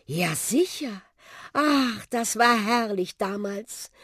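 A woman's voice: medium pitch, lively intonation, slow, fairly bright tone, slightly rough, dry recording, clean studio sound, pitched above the performer's own voice, full character voice. A woman voicing a cheerful older aunt who runs a shop and fondly recalls the past, in a storybook reading.

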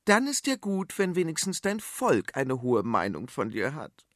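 A man voicing a cool, sharp-tongued queen, pitching his voice up high. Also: sing-song, takes it slowly, dry recording, clean studio sound, heavily acted. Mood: pointed. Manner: cool, pointed.

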